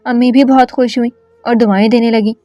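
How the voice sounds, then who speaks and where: Woman storyteller, higher voice, dry close sound, soft music underneath, earnest and gentle. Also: steady tone, no echo. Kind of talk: scripted first-person story narration.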